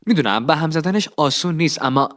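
A man voicing an earnest, calm young nobleman pleading his case with determination. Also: a little high.

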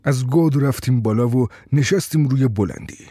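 A man narrating a story in a steady, tense storyteller's voice. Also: medium pitch, breathy edge, no echo, studio quality.

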